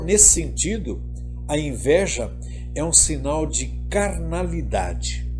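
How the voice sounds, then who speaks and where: A man with a Brazilian Portuguese accent preaching a sermon as pastor, slow and emphatic, with a husky voice. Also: mid-range voice, a little mellow.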